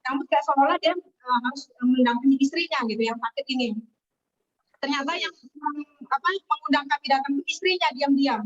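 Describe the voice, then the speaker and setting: A woman telling her business success story in a lively, casual way, acting out the voices of people she quotes. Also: sits high, fairly quick. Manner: animated, acts out quoted voices. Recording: distant, dull lo-fi webinar audio.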